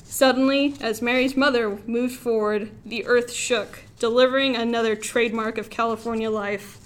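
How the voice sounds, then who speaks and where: Young LA woman reading her own story, wry and expressive, kinda high pitched. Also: normal speed. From Los Angeles, USA. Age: young adult. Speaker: student author.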